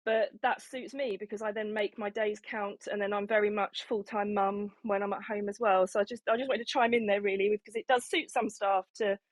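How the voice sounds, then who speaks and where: A woman's voice: medium pitch, steady tone, a little fast, hardly any pauses, dry recording. Chatty woman, slightly breathless. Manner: rambling, lots of ums and restarts. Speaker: salon owner and hairstylist. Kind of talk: casual chat on an audio room.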